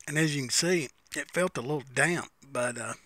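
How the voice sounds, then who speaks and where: A man with a bright, forward voice and a very dry, close sound talks casually through a review. He is folksy and unhurried in his musing, repeating phrases and smoking a pipe as he goes. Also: fairly high pitch, no room sound. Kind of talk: casual unscripted review chat.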